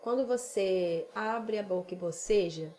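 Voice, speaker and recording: Unhurried and dark-toned, a mid-range female voice with a Brazilian accent belongs to a singing teacher calmly walking through vocal technique in a relaxed podcast chat.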